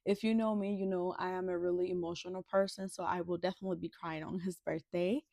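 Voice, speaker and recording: A Dominican woman in her twenties chats casually and ramblingly while getting ready, in get-ready-with-me vlog style. Her lowish, mellow voice has vocal fry, a level tone, and a quick pace. The sound is clean studio quality with no room sound.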